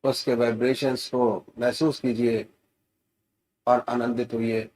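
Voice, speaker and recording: Slow, gentle spiritual teacher. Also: male voice, medium pitch, little pitch movement. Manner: slow, gentle, soothing guidance with rising emphasis. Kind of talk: guided meditation instruction.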